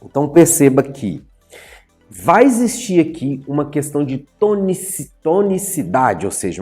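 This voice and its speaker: A male teacher giving an animated writing and grammar lesson at a whiteboard, playfully addressing his students and stretching out key words as he explains. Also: medium pitch. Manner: animated, playfully addresses viewers as "senhores, senhoras e senhoritos". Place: in front of a whiteboard.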